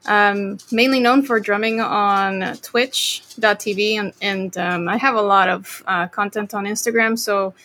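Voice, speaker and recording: A woman's voice: mid-range voice, measured pace, hardly any pauses, slight background noise. Chatty young woman from Costa Rica. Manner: relaxed, rambling with many fillers and restarts. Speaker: guest drummer. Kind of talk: casual interview chat.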